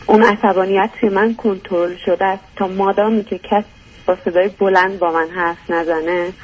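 A woman's voice: medium pitch, a little mellow, highs cut off, slight background noise. A young woman calling a radio advice show, speaking hesitantly and searching for words as she explains her problem. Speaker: caller. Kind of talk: call-in advice talk.

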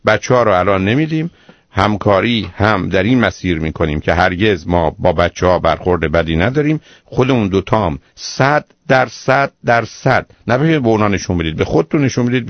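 A man's voice: fairly low pitch, no echo, highs cut off. A man hosting a radio call-in advice show, lecturing a caller sternly and emphatically.

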